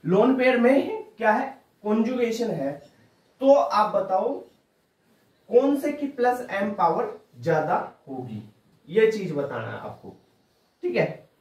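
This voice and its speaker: A man's voice: high-pitched, big pitch swings, slow pace, long pauses, a little mellow. A man teaching chemistry for an exam, talking informally and repeating points over and over to drill them in. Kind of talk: exam-prep lecture. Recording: roomy classroom audio, mic at a distance.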